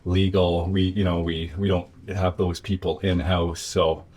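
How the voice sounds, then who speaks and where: Male interview guest, business owner type: deep, level voice, reflective and conversational, feeling out his words. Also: flat delivery, measured pace, a little mellow, breathy edge.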